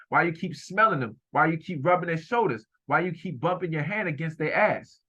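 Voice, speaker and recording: A man's voice: fairly high pitch, pushed and bright. Man, video commentary, emphatic, repetitive, accusing, dull lo-fi sound. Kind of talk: heated running commentary over a video.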